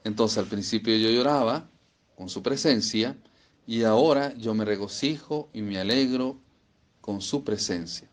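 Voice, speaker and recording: A man's voice: lowish voice, unhurried. A man preaching a sermon, emphatic and repeating phrases for stress.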